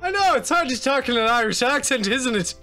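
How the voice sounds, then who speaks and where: A man's voice: very high-pitched, lively intonation, brisk, sharp tone, faint music behind. A man bantering casually as he co-hosts a visual novel playthrough, with a teasing manner. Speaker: let's player, co-host.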